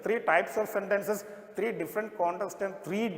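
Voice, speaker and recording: High-voiced male tutor in an echoey room. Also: steady tone. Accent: Malayali. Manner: mixes English into explanations, reads English sentences slowly and deliberately. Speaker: exam coaching teacher. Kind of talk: explaining bank exam questions. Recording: roomy echo with long reverb.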